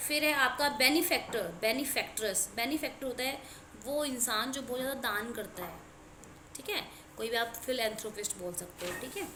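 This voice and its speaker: A woman's voice: on the high side, moderate pace, roomy sound, background noise. A woman teaching an exam-prep English grammar lesson, naming word pairs and spelling them out letter by letter. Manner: spells out words letter by letter, stresses key words.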